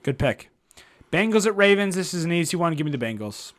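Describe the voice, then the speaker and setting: A man's voice: a little high, big pitch swings, a little fast, fairly bright tone. A man hosting a casual sports podcast, joking with his co-hosts as he leads the segment. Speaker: podcast host.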